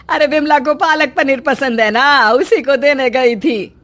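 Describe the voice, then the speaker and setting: A patient older mother-in-law from a cartoon story, voiced by a woman. She talks gently and pleads softly. Her voice sits a little high. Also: slow pace. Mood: gentle. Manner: gentle, soft-spoken, pleading.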